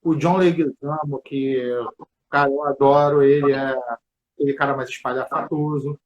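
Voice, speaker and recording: A man's voice: medium pitch, level tone, moderate pace, highs cut off. A man with a Brazilian Portuguese accent interviewing a guest in a casual, chatty and enthusiastic way.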